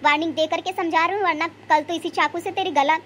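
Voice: very high-pitched, fairly even intonation, fast talker, a bit bright, slight background noise. A performer voicing a cruel young daughter-in-law in a cartoon, sneering and threatening. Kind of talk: cartoon voice acting.

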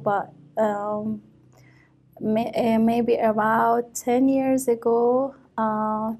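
A woman in her thirties from Iran, speaking with an Iranian accent, answers mock speaking-exam questions as a test candidate in a small office, with many fillers and restarts. Her voice is on the high side and a little mellow, with slight background noise.

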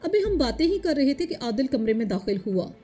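A woman reading a story aloud as the narrator, in a steady, even voice. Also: high-pitched, brisk.

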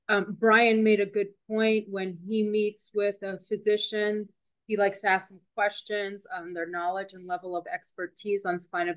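A woman moderating a webinar, casually relaying audience questions from the chat with many fillers. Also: mid-range voice.

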